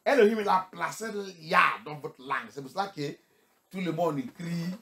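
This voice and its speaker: This preacher's voice sits on the high side, gravelly and animated, at a moderate pace. Switching between English and French in his sermon, he hurls rhetorical questions at the congregation and builds up to shouting.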